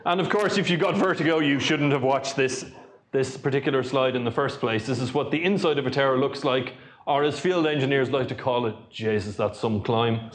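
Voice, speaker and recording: A man's voice: medium pitch, fairly quick. A man with an Irish accent giving a lightning talk at a tech meetup, telling stories in a dry, joking way. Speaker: conference speaker.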